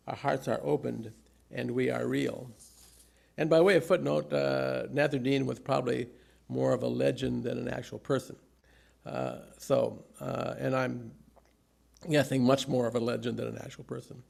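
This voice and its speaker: An older man with a gravelly, creaky voice delivers a humorous sermon, telling anecdotes from notes in measured, deliberate phrases. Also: mid-range voice. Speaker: preacher.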